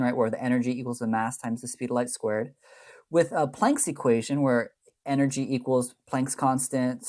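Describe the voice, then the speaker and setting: A man's voice: medium pitch, warm tone. A man teaching chemistry in a recorded lecture, talking through slides in a loose, rambling way, often checking in with a tag question and correcting himself mid-sentence. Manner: plays down the math. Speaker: chemistry instructor.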